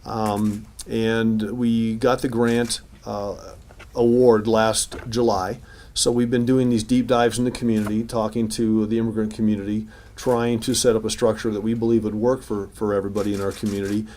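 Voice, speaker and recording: A man's voice: on the low side, flat delivery, moderate pace, a little mellow. A man speaking as mayor at a news conference, talking informally with restarts and fillers. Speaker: city mayor at a press conference. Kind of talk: press conference remarks and answers. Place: city hall news conference room.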